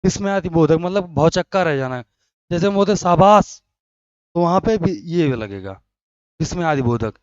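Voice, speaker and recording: Male online teacher, smooth high voice, dry close lo-fi sound, self-answering questions. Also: lively intonation, fairly quick, a little mellow, dry recording. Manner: explains step by step, asks questions and answers them himself; frequent checks of "right?" with listeners. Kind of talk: online grammar lesson.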